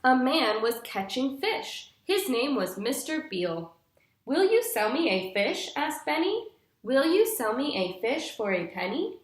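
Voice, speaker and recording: Her pitch rising and falling dramatically, a young woman reads a picture book to small children at a measured, unhurried pace, guiding them the way a teacher would. She sits in a small indoor living room. The mic is a little distant, so the sound echoes around the room.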